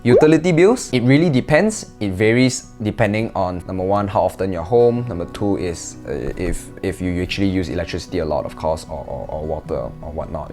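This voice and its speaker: A young man with a low, deep voice explains things to camera in a relaxed, conversational way. He works through a list point by point, with the odd restart, and a faint bed of music plays under him. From Malaysia. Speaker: vlogger. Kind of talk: casual explanatory vlog.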